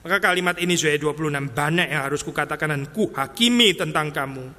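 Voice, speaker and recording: A man's voice: on the high side, quick pace, sharp tone. A man preaching an expository sermon in a conversational style, slipping English phrases in and acting out exasperated voices. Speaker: pastor. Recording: long hall reverb.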